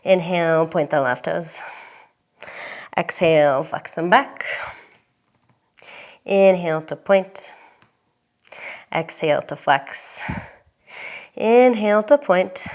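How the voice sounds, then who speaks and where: A young woman leads a yoga flow, cueing each breath in a calm, unhurried way. She sighs now and then and sounds a little winded. Her voice sits low and moves at a slow pace. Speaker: yoga instructor. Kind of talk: guided yoga class cues.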